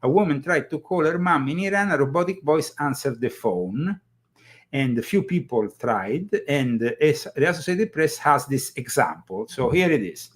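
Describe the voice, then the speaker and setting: A man hosting a political commentary show, talking casually with halting starts and many fillers. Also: on the high side, lively intonation. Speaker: host.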